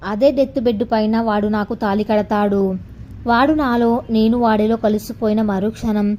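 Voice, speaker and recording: A woman's voice: fairly high pitch, steady tone, moderate pace, dark tone, slight background noise, natural voice. A woman voicing a defiant young student. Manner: defiant, earnest, tearful. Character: young woman, a determined medical student in love.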